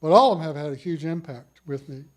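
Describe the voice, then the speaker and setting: At a conference hall, an older man with a big, fairly high voice tells his own cancer story at a quick pace. The survivor keeps his personal talk folksy and pokes fun at himself.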